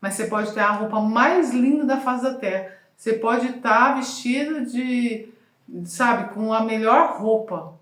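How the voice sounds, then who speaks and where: A woman giving casual advice as a communication and voice coach, talking with lively shifts in pace and emphasis. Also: fairly high pitch, measured pace, reverberant.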